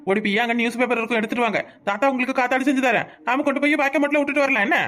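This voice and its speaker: In a cartoon, a woman voices a kind old grandfather who fusses, chides, and makes peace between squabbling boys in rural Tamil speech. Her voice sits high and is fairly bright, with fairly even intonation and a very fast delivery.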